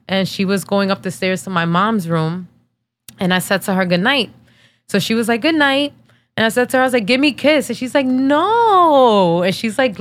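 A woman's voice: medium pitch, a bit bright. A woman in her thirties hosting a podcast, telling a personal story in a casual, candid way with many fillers, tearful and emotional. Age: 30s. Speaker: podcast host.

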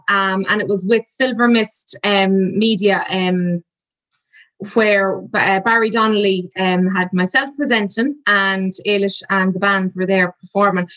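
A woman's voice: mid-range voice, fairly bright tone, poor audio. A woman with a west of Ireland accent, hosting a podcast in a chatty interview style. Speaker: podcast host.

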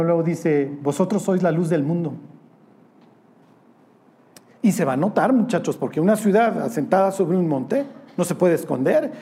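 A man's voice: high voice, warm tone. A man preaching a casual sermon to young people, conversational and teasing, with slang.

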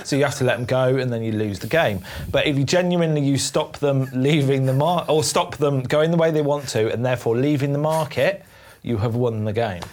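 A man's voice: mid-range voice, brisk, a little mellow. A man, chatting casually with friends on a podcast, laughing often and swearing freely. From Leicester, England. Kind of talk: casual banter among friends.

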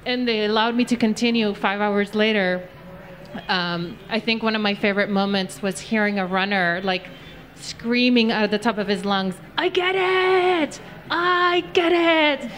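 A woman artist speaks on a live panel, recounting her work in an earnest, deliberate manner. Her pitch sits at an everyday middle height, and a faint hiss of background noise runs under her voice. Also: fairly even intonation, a bit bright. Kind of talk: storytelling in a live panel talk.

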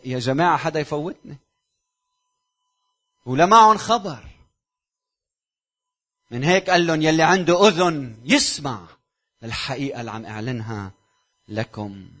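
A man with a Lebanese Arabic accent, preaching a sermon to his congregation, firing rhetorical questions and dropping from loud exhortation to near-whispers. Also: on the high side. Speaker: pastor.

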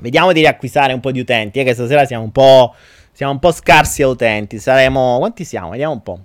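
A man hosting a live-streamed podcast, chatting and telling jokes in an animated way. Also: medium pitch, quick pace, no echo, clean studio sound. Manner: animated storytelling. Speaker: podcast host.

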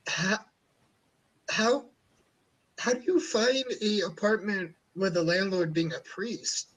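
A man hosting a podcast in casual chat, with a fairly high voice. He rambles and swears a lot as he talks. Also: lively intonation, slow, fairly bright tone, low-quality recording. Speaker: podcast host.

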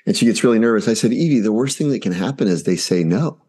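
A man's voice: lowish voice, animated, quick pace, warm tone, breathy edge. A man in his forties, a podcast guest, telling a family story casually and animatedly, acting out the dialogue.

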